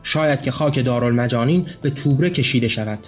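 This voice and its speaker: A man's voice: mid-range voice, fairly bright tone, faint music behind, natural voice. A man voicing a zealous, vengeful male revolutionary in a read-aloud story. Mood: fervent. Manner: fervent.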